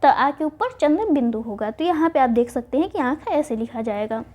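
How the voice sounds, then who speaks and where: A woman teaching Hindi spelling for exam prep, spelling words out slowly and answering her own questions. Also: high voice, expressive, darkish tone, lo-fi sound. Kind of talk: online exam-prep lesson.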